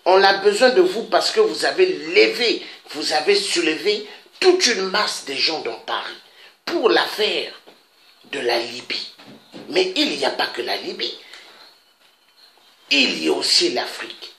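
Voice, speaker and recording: A man from Africa making an impassioned, repetitive public appeal, pleading with his listeners and pausing on interjections. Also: on the high side, expressive, gravelly, fairly bright tone. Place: Paris. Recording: echoey room with faint noise.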